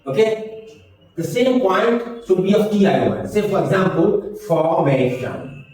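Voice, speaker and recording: A man's voice: sits high, animated, very slow, darkish tone, faint music behind. A man, teaching a spoken-English class. He explains patiently, drills words and mixes English with Hindi. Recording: very echoey room, mic far off.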